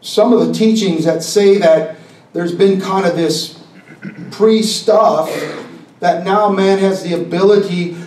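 A pastor preaching an intense, impassioned sermon at a conference. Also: male voice, high-pitched, fairly even intonation, slow, a little mellow, a little hiss or hum. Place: conference hall. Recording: echoey hall, mic at a distance.

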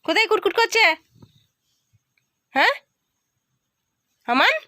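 A woman's voice: very high-pitched, sing-song, slow, sharp tone, no room sound. Woman, mother, home tutoring a child, coaxing, exasperated sighs, dry close sound. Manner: coaxing then exasperated, sighing and scolding. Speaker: mother tutoring her young son.

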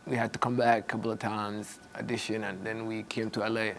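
A young man from Somalia, an actor guest in a studio interview, talking softly and haltingly with many fillers, on a lapel mic. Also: lowish voice, level tone, creaky, slight background noise. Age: young adult. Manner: hesitant, soft-spoken, many "you know" fillers. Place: TV studio set, indoors.

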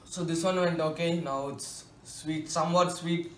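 A man's voice: fairly high pitch, fairly even intonation, measured pace. A teenage male chatting casually to camera as he hosts a food challenge. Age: teens. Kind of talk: casual chat to camera while tasting. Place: small bare room indoors. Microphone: camera a short distance away. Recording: echoey room, faint hiss, distant camera mic.

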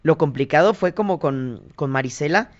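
Speaking at a moderate pace in a slightly high voice, a young man with a Mexican Spanish accent shares stories as a podcast guest. Animated throughout, he quotes other people in lively asides and acts out their lines. He works as a singer and TV reporter, and the podcast audio sounds dull and lo-fi.

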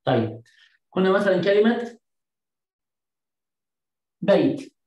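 A woman teaching an Arabic class, explaining patiently with repetition and stretching out word endings slowly so students can hear them. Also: medium pitch, sing-song, darkish tone, highs cut off. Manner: slow, drawn-out enunciation of word endings. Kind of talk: language lesson. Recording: echoey room.

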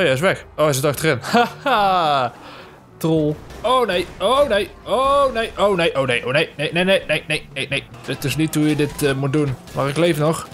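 Een man met een Nederlands accent die een game speelt en druk commentaar geeft, vaak schreeuwend, vloekend en grappend. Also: a little high. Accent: Dutch. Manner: excitable, swearing, yelps and jokes while playing. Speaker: gamer. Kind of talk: casual gameplay commentary. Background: game music.

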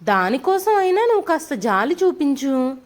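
Storybook role: kind, earnest wife read by a woman, high and expressive, gently reproachful. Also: normal speed. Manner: earnest, reasoning.

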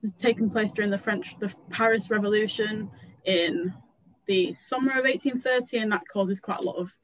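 A woman's voice: medium pitch, steady tone, normal speed, rough recording. A woman giving explanatory remarks as a panelist.

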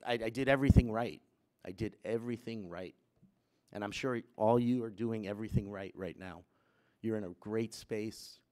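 A man from Puerto Rico in his fifties, with a fairly low, slightly mellow voice and a moderate pace, gives students a personal talk at a chapel lectern. Conversational and filler-laden, he becomes increasingly emphatic, captured by a gooseneck mic in a wood-panelled school chapel with students seated behind.

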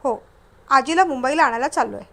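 A woman voicing a friendly, chatty young man on a bus trip in a read-aloud story, speaking a little louder and livelier than her narration. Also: high-pitched, lively intonation, a little fast, creaky, full character voice.

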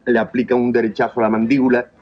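A man's voice: mid-range voice, flat delivery, quick pace, close to an everyday voice. A man playing a smitten telenovela heartthrob. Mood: flirtatious. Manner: teasing, flirtatious banter. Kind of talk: 1990s telenovela scene acting. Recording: muffled old TV audio with music.

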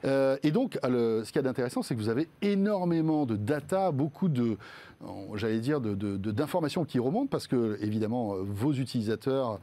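A man's voice: mid-range voice, expressive, fairly quick, warm tone. Hesitant male host, plenty of fillers. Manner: hesitant, many fillers and restarts. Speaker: show host. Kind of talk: casual studio chat.

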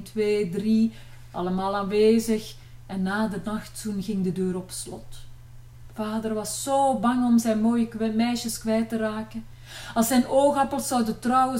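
A woman's voice: fairly high pitch, far from the mic. Flemish woman reading a storybook aloud. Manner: playful, lively storytelling, voices for the sisters. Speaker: children's book author reading aloud. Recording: echoey room, off-mic.

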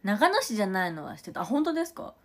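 A woman's voice: mid-range voice, sing-song, very fast. A young woman from Nagano chatting casually on a livestream and thanking viewers for their comments between stories. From Nagano, Japan. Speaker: idol livestream host.

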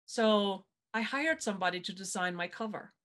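This motivational interview is hosted by a middle-aged German woman who runs a podcast, speaking through her webcam in a home room against a dark backdrop. Her mid-range voice is animated and fairly bright at a moderate pace, and she emphatically repeats the advice that matters most.

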